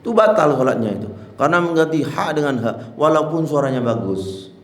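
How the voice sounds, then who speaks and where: A man's voice: fairly high pitch, expressive, fairly quick, reverberant. A male Islamic teacher giving a religious lesson on prayer, explaining plainly and breaking into chanted demonstrations. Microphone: handheld mic.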